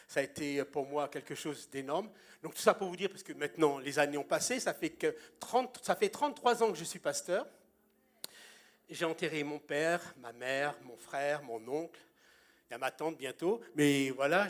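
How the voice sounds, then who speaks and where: A man's voice: high voice, a bit bright. A man in his sixties, a pastor preaching a sermon in a church and telling humorous anecdotes with punchlines.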